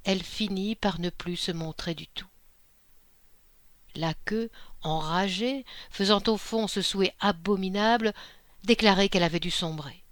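A woman reading a classic short story aloud in a measured, expressive narration. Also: medium pitch, no room sound. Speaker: audiobook reader.

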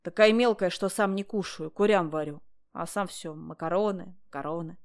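A woman's voice: on the low side, moderate pace, lightly acted. A woman voicing an irritable man who grumbles and complains with contempt, in a storybook reading. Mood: grumbling. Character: irritable grumbling man, owner of stolen chicken.

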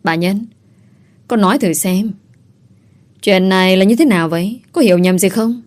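A woman voicing a gentle older matriarch who speaks mildly but firmly. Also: mid-range voice, moderate pace, close to an everyday voice. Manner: mild, soothing. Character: gentle older lady of the house.

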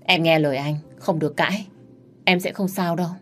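A man's voice: a little high, steady tone, brisk, fairly bright tone, faint music behind, natural voice. A woman voicing a protective young man, urgent and commanding as he shields his hurt lover. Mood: angry, commanding.

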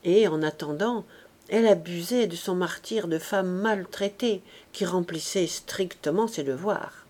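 A woman's voice: fairly low pitch, a little slow. Woman reading a novel aloud. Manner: clear, expressive storytelling. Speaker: audiobook reader. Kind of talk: scripted narration.

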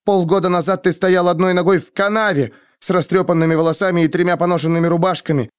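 A male audiobook reader voicing a proud, quick-tempered young woman who speaks in a sharp, scornful, heated way. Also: sits high, fairly even intonation, clear, resonant tone, dry recording, studio quality, pitched above the performer's own voice, lightly acted. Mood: furious. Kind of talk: audiobook character reading.

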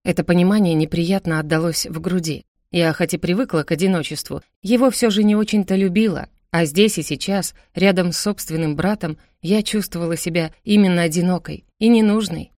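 Female first-person audiobook narrator; steady storytelling, low voice, dry close-mic studio sound. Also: a little fast, hardly any pauses, no room sound.

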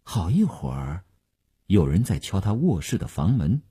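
A man narrating a novel in an expressive, dramatic reading. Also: deep voice, moderate pace, breathy edge. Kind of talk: storytelling reading.

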